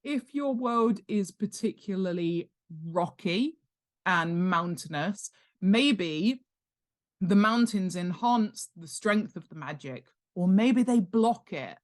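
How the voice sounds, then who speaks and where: A woman with a mid-range voice speaks slowly as a guest on a podcast, an author and expert in world-building. In a casual, instructional interview, she explains ideas informally and with animated emphasis, repeating key points for stress, asking rhetorical questions, and acting out examples.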